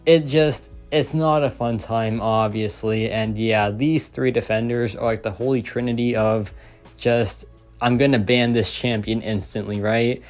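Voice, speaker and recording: A man's voice: medium pitch, fairly even intonation, measured pace, faint music behind. Chatty young man hyping game picks. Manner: enthusiastic, heavy use of "like" and "so yeah". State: losing his voice. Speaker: gaming content creator. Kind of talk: casual game commentary.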